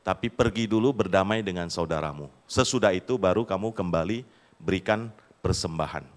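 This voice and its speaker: A man's voice: sits low, brisk. A middle-aged male pastor from Indonesia with a Medan accent, telling a personal story in a seminar for married couples. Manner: storytelling, animated, acts out quotes with a raised voice.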